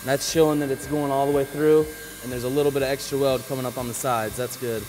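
A man talks in a relaxed, practical way while he works on an indoor floor, explaining each move as he goes. His voice sits at an ordinary pitch, and the faint hum of a power tool stays in the background. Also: fast talker, rough recording. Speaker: flooring installer. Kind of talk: casual on-the-job demonstration.

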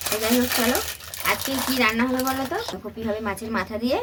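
A home vlogger with a West Bengal accent chats casually with viewers while doing household chores, mostly in her kitchen, and often asks them questions. Her voice is a little high with fairly even intonation, she talks fast, and the recording is very noisy.

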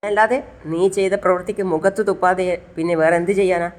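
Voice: medium pitch, steady tone, fast talker, close to an everyday voice. A storyteller voicing a scheming, scornful old grandmother who scolds contemptuously.

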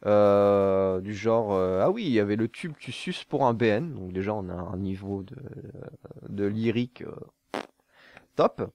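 A man's voice: fairly low pitch, animated, unhurried, darkish tone, no room sound, highs cut off. A young man from southern France answering viewer questions to camera in a casual, jokey way, laughing at his own jokes and stumbling over fillers.

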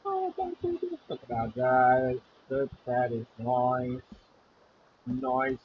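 A man streaming a survival game, chatting casually and breaking into excited exclamations and humming. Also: mid-range voice, slow pace, dull audio, slight background noise. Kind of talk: casual gameplay commentary.

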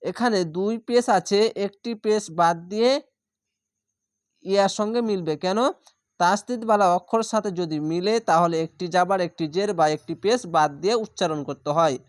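A man with a Bangladeshi Bengali accent teaching Quran reading, spelling each word letter by letter and then drawling it slowly. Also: high-pitched, clear, resonant tone, no room sound, studio quality. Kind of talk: spelled-out Quran recitation lesson.

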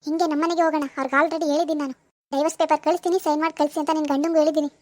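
A woman voicing a bossy, scornful middle-aged mother in an animated village drama. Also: high voice, very fast, no room sound, lightly acted. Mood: soothing. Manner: bossy, contemptuous.

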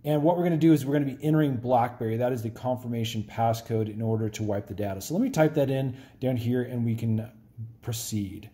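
A man's voice: medium pitch, fast, mellow. A man hosting a tech tutorial, explaining step by step in a friendly, plain way while working a phone on camera.

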